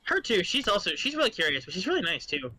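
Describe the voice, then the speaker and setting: A bubbly, chatty young huntress, played by a man in a tabletop game. She has a high, very bright voice that swings widely. Her manner is friendly and eager. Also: sing-song, quick pace, no room sound, exaggerated voice.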